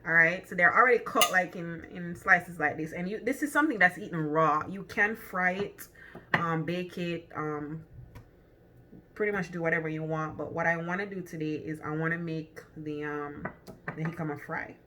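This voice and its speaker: A cooking vlogger with a Jamaican accent talks casually through a demonstration in her home kitchen, her voice lowish and her pace normal. She thinks aloud, full of ums and restarts, over a noisy background.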